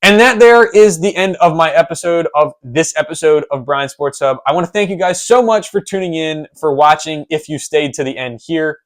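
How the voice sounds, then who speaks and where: A man's voice: fairly high pitch, normal speed, few pauses. A young man hosting a solo sports podcast, telling a story in a conversational way with casual fillers. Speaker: podcast host.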